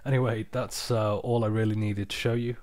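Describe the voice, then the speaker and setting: Male, low-pitched, tired, casual screen-recording walkthrough, unpolished and informal, dry close sound. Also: flat delivery, brisk, a little mellow, dry recording. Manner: informal, unpolished, off-the-cuff explaining. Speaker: software tutorial presenter. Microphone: external microphone, close and dry.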